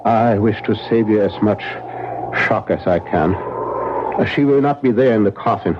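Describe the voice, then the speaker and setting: An actor playing a grave, commanding older professor who hunts vampires, speaking deliberately and formally in a 1970s radio drama. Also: male voice, lowish voice, animated. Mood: grave, measured. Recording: muffled, noisy 1970s radio broadcast.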